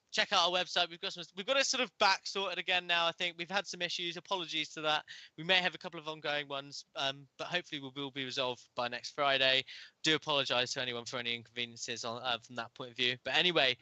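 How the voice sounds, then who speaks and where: Bright, laughing podcast host. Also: male voice, fairly high pitch, fast, no room sound. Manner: rambling, laughing often. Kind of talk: casual chat.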